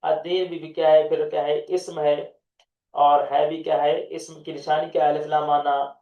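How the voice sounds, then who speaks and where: A man's voice: a little high, level tone. Man lecturing, asks and answers himself. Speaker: Arabic grammar teacher. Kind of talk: online lecture. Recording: echoey, distant, dull lo-fi room sound.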